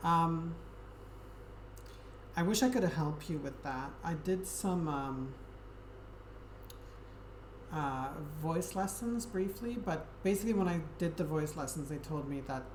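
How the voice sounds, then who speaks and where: A Twitch streamer hosts a livestream, chatting casually with viewers in a soft, friendly, low voice and pausing often on "um." Her speech echoes around the room above a steady background noise.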